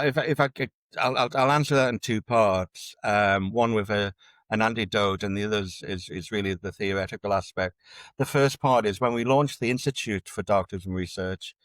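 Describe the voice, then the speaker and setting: A man's voice: fairly low pitch, fairly bright tone, no echo. A man being interviewed as a researcher, explaining ideas in a conversational academic way and often repeating words as he restarts. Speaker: dark tourism researcher, guest.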